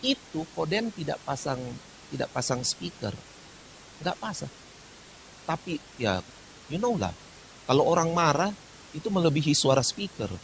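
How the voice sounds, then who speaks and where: A man preaching a sermon, telling stories with lively shifts. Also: a little high, vocal fry, slight background noise, poor audio. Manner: lively storytelling, sings worship lines slowly. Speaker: pastor.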